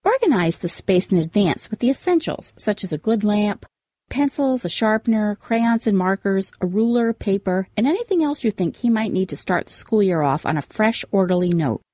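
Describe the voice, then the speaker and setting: A woman presents scripted advice like an upbeat, organized vlogger. Her intonation is very lively, stressing each item in turn, and the sound is dry, with hardly any room. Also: medium pitch, moderate pace, dry recording. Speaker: podcast host giving parenting tips.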